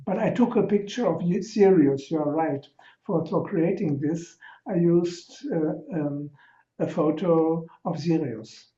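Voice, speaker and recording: A man who paints explains the spiritual symbolism of his work slowly and deliberately, searching for words over a video call. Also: a little high, mellow. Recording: roomy, muffled video call audio.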